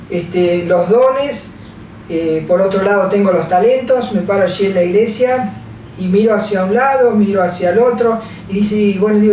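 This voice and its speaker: A woman preacher giving a sermon, halting and repeating her scripture references with many fillers. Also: medium pitch, warm tone, a little hiss or hum. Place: large echoey church hall. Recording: very echoey hall from far off.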